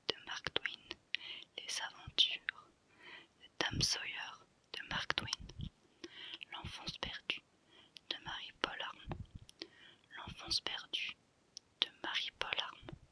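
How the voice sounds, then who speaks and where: Softly, a woman reads out a list in a hushed, breathy library whisper, ASMR-style, repeating phrases as she goes.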